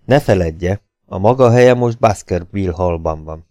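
Man reading as Sherlock Holmes, low and dry. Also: no room sound, close to an everyday voice. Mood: explaining. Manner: urgent, tense, often hushed. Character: shrewd, commanding male detective. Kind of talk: audiobook character voice.

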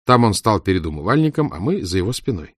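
A man reads a children's story aloud in an expressive, storytelling manner. His voice sits on the low side, with lively rises and falls. The recording is dry and close. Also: fast, dry recording. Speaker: narrator. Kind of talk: audiobook reading of a children's story.

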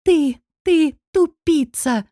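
Woman reader doing a shrill, furious young noble girl; high, loud, audiobook. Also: measured pace, no echo, clean studio sound. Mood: furious shrieking. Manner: screeching, stamping fury.

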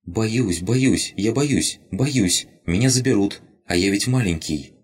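A man's voice: fairly low pitch, animated, unhurried, husky, pitched above the performer's own voice. A man voicing a tiny, frightened male creature that lives in a crystal, talking in broken, childlike short phrases.

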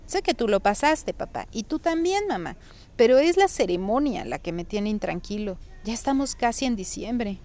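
A woman's voice: on the high side, big pitch swings, normal speed, a little mellow. A woman voicing a thoughtful eleven-year-old boy who speaks hesitantly, searching for the right words. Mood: earnest.

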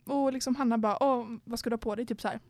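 A young woman podcast host with a fairly high, darkish voice and fairly even intonation chats casually in a dry recording. She tells a story and acts out the dialogue people said.

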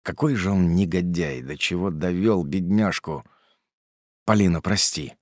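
A man's voice: deep voice, normal speed, darkish tone, dry recording. Man reading an audiobook, dry sound. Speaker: narrator. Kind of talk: audiobook narration.

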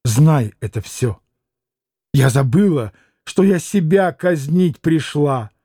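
A man voicing an anguished, proud young woman in a breathless confession, read in a slow audiobook. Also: on the high side, animated, dark tone, slightly rough, no echo, clean studio sound, full character voice.

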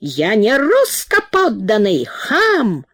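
A woman voicing a drunk, hotheaded foreign male engineer who mangles his grammar and shouts insults. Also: fairly high pitch, wildly swooping pitch, takes it slowly, husky, no room sound, heavily acted. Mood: shouting.

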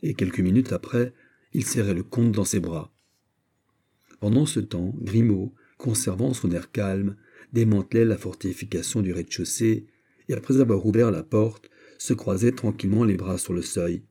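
Male narrator, very dark mellow timbre, measured audiobook reading. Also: on the low side, slightly rough. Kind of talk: scripted narration.

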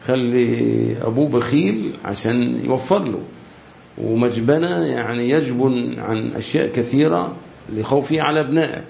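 An Egyptian man teaching a religious lesson at an average pitch. He reads from a classical text and then explains it in plain colloquial speech, asking his listeners rhetorical questions. The recording is roomy and slightly muffled, with a faint hiss underneath. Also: normal speed, creaky.

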